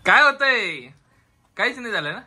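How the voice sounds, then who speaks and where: A man's voice: extremely high pitch, lively intonation, moderate pace, sharp tone, slight background noise. A man hosting a casual vlog, talking in a teasing, coaxing way. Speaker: vlog host.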